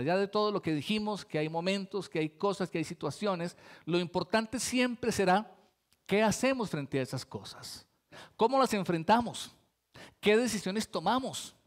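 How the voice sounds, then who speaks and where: A Colombian pastor with a rather high voice preaches to his congregation in a relaxed, conversational manner. Between points he keeps throwing rhetorical questions at his listeners.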